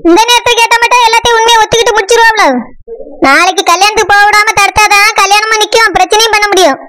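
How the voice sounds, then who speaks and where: A scheming young village wife from a cartoon, as a voice actor plays her, with a Tirunelveli Tamil accent. Her voice is extremely high and squeaky, and bright and sharp in tone. She talks in a fretful, pleading rush. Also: fairly even intonation, racing. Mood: urging. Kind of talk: cartoon voice acting.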